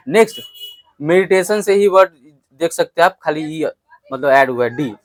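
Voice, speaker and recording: This young male English teacher has a slightly high, expressive voice and talks at a normal speed in a dry recording. He teaches vocabulary call-and-response style, spelling each word letter by letter and having the class repeat it.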